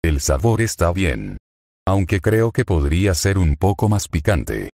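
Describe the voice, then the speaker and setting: A man's voice: deep voice, big pitch swings, unhurried, gravelly, a little mellow, dry recording, clean studio sound, heavily acted. A man reading as a teasing teenage schoolgirl. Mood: playful teasing. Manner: teasing, lightly sing-song.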